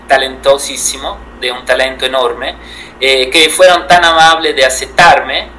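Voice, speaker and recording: In a rough recording with slight background noise, a guest photographer in his thirties from Italy answers interview questions in Spanish with an Italian accent. He is thoughtful, hesitating often with fillers and restarts. His voice runs on the high side, bright and forceful.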